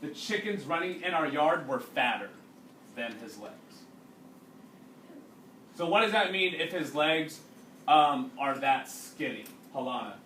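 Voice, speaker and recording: A man reads a story aloud as a teacher, explaining as he goes and pausing to question his young students. His voice is on the high side, with lively intonation and a sharp tone. The recording is roomy, from a distant mic with faint noise.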